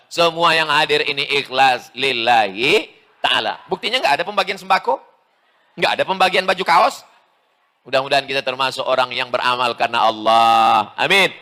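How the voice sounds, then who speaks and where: A man from Sumatra preaching a lively sermon to a large gathering, loud and emphatic with playful asides. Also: high voice. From Sumatra, Indonesia.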